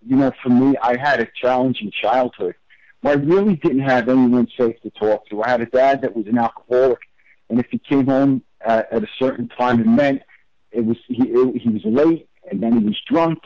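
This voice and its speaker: Male guest, candid and heartfelt, halting delivery, muffled dry radio sound. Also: medium pitch, dry recording. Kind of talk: personal storytelling in interview.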